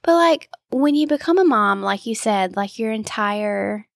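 A woman's voice: medium pitch, lively intonation, measured pace, gravelly, no echo, studio quality. A woman co-hosting a podcast in casual, slangy, informal conversation. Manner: informal, slangy, filler "like" throughout. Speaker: podcast co-host. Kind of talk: casual chat.

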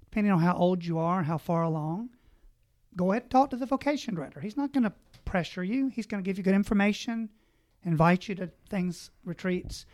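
Earnest priest giving advice. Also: male voice, sits high, expressive, a little fast, darkish tone, no echo, studio quality. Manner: earnest, exhortative, lists points. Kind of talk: conversational advice on a panel.

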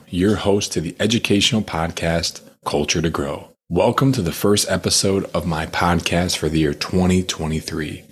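A man's voice: low voice, husky. A man hosting an educational podcast, giving an upbeat, welcoming scripted intro. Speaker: podcast host.

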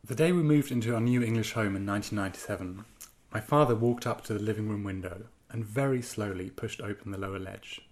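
A guest writer from Germany with a somewhat low voice gives hesitant interview answers full of ums and restarts, then reads steadily from his own piece.

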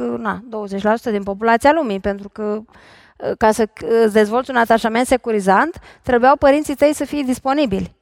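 A middle-aged woman therapist speaks from a stage with a bright, high voice. She talks in a lively way and keeps asking the listeners questions. The sound is dry and close. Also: no echo. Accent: Romanian. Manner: lively, questioning the audience directly. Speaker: imago couples therapist. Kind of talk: talk on stage before an audience. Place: large concert hall stage.

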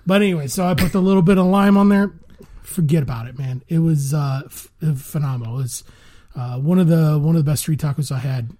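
A man co-hosting a casual food-review chat, relaxed and drawn out, saying "man" a lot. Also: on the high side, a little fast. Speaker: podcast co-host.

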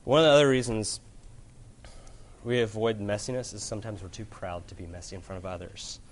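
Earnest low-voiced man preaching. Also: brisk. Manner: earnest, swings from loud emphasis to quiet gravity. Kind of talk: sermon. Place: room with an audience.

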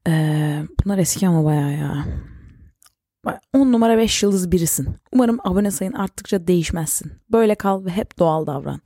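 A young woman hosting a casual solo podcast, rambling and self-mocking with quick jokey asides. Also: fairly low pitch, mellow, dry recording, clean studio sound. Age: young adult. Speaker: podcast host and YouTuber.

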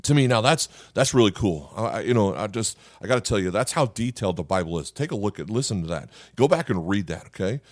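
A man preaching a sermon while sick, animated and conversational, acting out voices from the story he reads. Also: on the low side, fast talker, hardly any pauses, dry recording, studio quality. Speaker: pastor.

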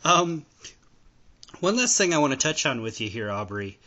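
A male podcast host asks questions and reacts briefly to his guest. His voice is bright and forceful. The audio is somewhat dull and lo-fi. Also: medium pitch, sing-song, normal speed. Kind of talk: casual interview.

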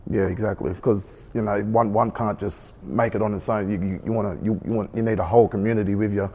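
Halting young Australian man, low voice. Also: fairly even intonation, mellow, big-room sound. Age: 20s. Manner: halting, repeats himself, many fillers. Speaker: youth panel guest. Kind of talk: casual discussion.

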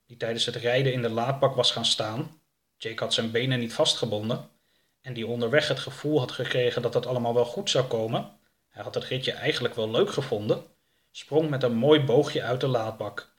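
A man reading a children's audiobook in a calm, measured way. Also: medium pitch. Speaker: narrator. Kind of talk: scripted audiobook narration.

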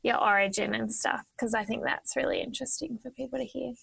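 A woman's voice: fairly high pitch, fairly even intonation, fast, vocal fry, fairly bright tone, slightly rough, poor audio. A woman hosting a casual interview, asking questions in a friendly way with casual filler words. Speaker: interview host.

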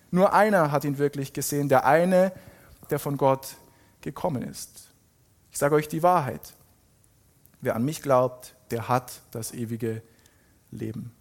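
A man reading a Bible passage aloud and stopping now and then to comment on it in a casual, emphatic way. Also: high-pitched. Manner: reads scripture slowly with emphatic rises, then comments casually. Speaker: preacher.

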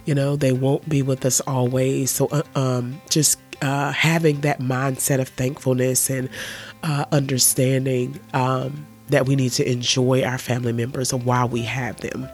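A man with a cold talks through his podcast, his voice nasal and stuffed-up. His pitch sits in an ordinary middle range, and he offers earnest, gentle advice in an easygoing monologue. Soft music plays faintly underneath. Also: little pitch movement, a little slow. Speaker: podcast host. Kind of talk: casual solo podcast monologue.

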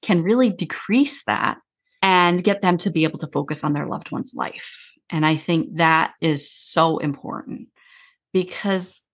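A woman's voice: lowish voice, unhurried. A woman grief counselor talking casually in an interview, explaining in long run-on sentences.

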